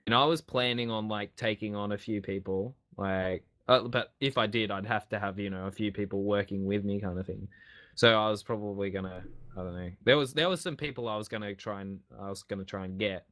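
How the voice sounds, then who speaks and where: A man's voice: lowish voice, fairly even intonation, brisk, a bit bright. A man with a New Zealand accent chatting casually on a gaming podcast, rambling and repeating himself as he goes. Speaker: podcast host.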